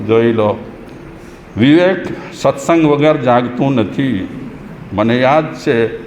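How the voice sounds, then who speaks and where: A man's voice: medium pitch, slow, darkish tone. A man, a Jain monk, giving a sermon in a conversational, humorous way and chanting verses in between. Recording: echoey hall with faint noise.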